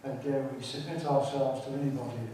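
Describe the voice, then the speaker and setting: A man with an English accent giving a sermon in a large church, speaking in a measured way with frequent hesitations. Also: medium pitch, warm tone, slight background noise. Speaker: lay preacher. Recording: echoey church from a distance.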